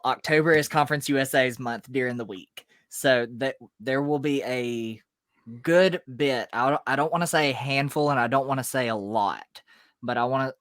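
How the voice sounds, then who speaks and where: A man's voice: medium pitch, fairly bright tone, no echo, studio quality. A man co-hosting a casual sports podcast, explaining news step by step with frequent ums. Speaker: podcast co-host.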